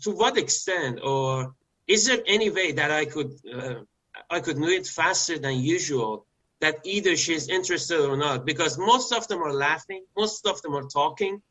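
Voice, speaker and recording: A man's voice: fairly high pitch, lively intonation, moderate pace, bright, forceful tone, rough recording. A man in a casual group discussion, asking for advice earnestly with hesitant fillers. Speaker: advice seeker.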